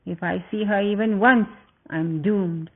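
A man's voice: high voice, moderate pace. A man voicing a grieving male king who speaks in a stern, drained, commanding way in a told story. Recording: tinny phone-like sound.

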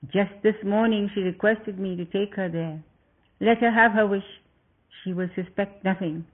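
Man doing a grieving king, stern, commanding, drained, high voice, tinny phone-like sound. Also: steady tone, moderate pace. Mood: grave.

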